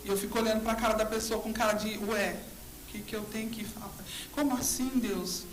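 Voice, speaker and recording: A woman's voice: mid-range voice, a little fast. A woman pastor with a Brazilian accent, telling her faith testimony in an interview and acting out the dialogue. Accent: Brazilian Portuguese. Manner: animated storytelling, acting out dialogue with God. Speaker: pastor and guest.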